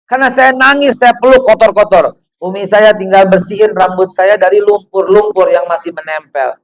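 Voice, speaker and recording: A man, preaching to a women's gathering in an animated storytelling way, full of rhetorical questions. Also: high voice, moderate pace, rough recording.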